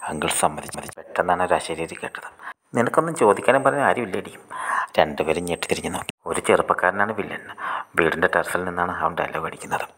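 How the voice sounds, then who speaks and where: A man narrating a scripted short story in a brisk reading that often slides into a breathy half-whisper. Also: low-pitched, flat delivery, sharp tone.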